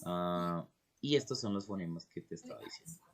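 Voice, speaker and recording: Deep-voiced man as a patient language tutor, reassuring and repetitive. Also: expressive, fast. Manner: patient, reassuring, repeats words to model pronunciation. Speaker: English teacher. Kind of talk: tutoring lesson mixing Spanish and English.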